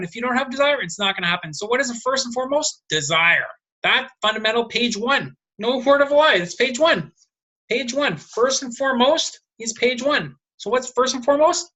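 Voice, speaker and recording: Woman host, bright and tense voice, drives points home by asking and answering her own questions. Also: fairly high pitch. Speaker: numerology video host. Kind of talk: solo video monologue.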